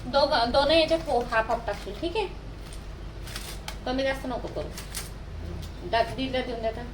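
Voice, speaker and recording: A woman's voice: high voice, normal speed. A woman, filming a home vlog and coaxing her children with motherly questions. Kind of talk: casual home vlog narration and chat with children. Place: home, indoors. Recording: noisy home phone recording.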